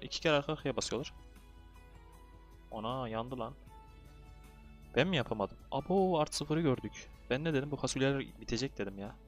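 A young man chatting casually through his online game session, fussing over luck and getting excitable when things go his way. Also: mid-range voice. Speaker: gaming video creator. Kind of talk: casual gameplay commentary.

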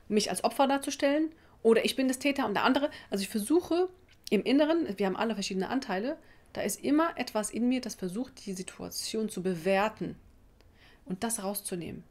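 Female presenter, thirties, native Arabic speaker, medium pitch, direct and conversational self-help explainer. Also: darkish tone. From Tunisia. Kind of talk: informal explanatory talk to camera. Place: small office indoors.

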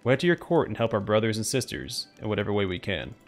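Man voicing a solemn, low-voiced talking tree. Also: very animated, fast, faint music behind. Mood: grateful, earnest. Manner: grand, formal oratory of a talking tree. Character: solemn, earnest talking tree, a male treant pleader. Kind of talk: game dialogue read aloud.

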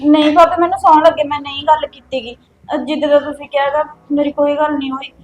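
A woman's voice: sits high, flat delivery, a little fast, darkish tone, slight background noise, natural voice. An actress playing a frightened young woman who pleads with her sister-in-law, with a Punjabi accent. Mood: pleading. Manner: pleading, defensive. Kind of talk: village web-series drama.

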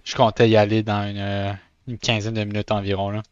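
A man's voice: fairly low pitch, flat delivery, a little fast, darkish tone, clear, resonant tone, dry recording, highs cut off. A man with a Québécois French accent chatting casually on a live stream while drawing, often stammering and restarting, with English words mixed in.

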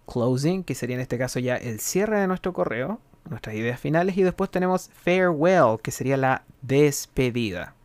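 A man giving a recorded English grammar lesson, explaining in Spanish and reading English examples slowly and carefully. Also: mid-range voice, lively intonation, a little mellow, no echo. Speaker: English teacher.

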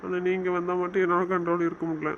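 A young man speaking softly to his wife in a coaxing, gently teasing way. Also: high voice, flat delivery, fast talker, slight background noise. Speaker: husband in a couple's chat. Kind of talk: casual couple banter. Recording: muffled lo-fi recording.

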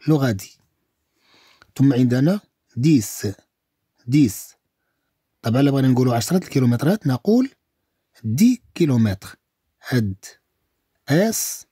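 Teacher casting: Moroccan man, slow drilled syllables, lively pitch, husky and mellow, dry close sound. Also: no echo. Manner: repeats each word slowly several times. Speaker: French teacher. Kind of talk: slow, syllable-by-syllable language lesson.

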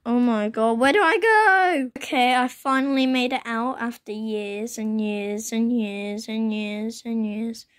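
Holding her phone up to record her laptop screen, a croaky-voiced young gaming host gives casual gameplay commentary indoors while it rains outside. She speaks at a fairly high pitch and measured pace with hardly any pauses, chatting and exclaiming frequently.

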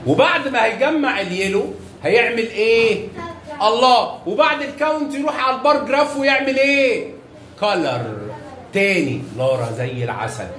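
Egyptian male primary teacher, fairly high voice, coaxing and full of praise, echoey classroom with faint noise. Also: expressive, moderate pace, a bit bright. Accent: Egyptian Arabic. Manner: coaxing, showers children with praise and pet names. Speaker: primary school math teacher. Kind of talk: classroom teaching with young children.

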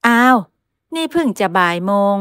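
Casting: woman doing a domineering middle-aged society mother, loud and scolding, dry close sound. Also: on the high side, lively intonation, moderate pace, smooth, no room sound, pitched above the performer's own voice.

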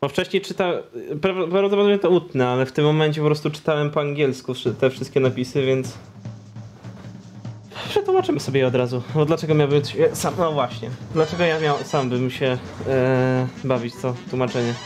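A man's voice: a little high, expressive, a little fast, a little mellow. A young man giving casual let's-play commentary, chatting and stumbling while he reads on-screen text aloud. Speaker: gaming streamer. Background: game music.

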